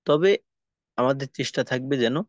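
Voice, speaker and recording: In a steady, medium-pitched voice with no echo, a man teaches how to pronounce Quranic letters in a recorded lesson. As a tajweed teacher he moves slowly, explains every step, then demonstrates the sounds in repeated drills, all captured in dull lo-fi audio.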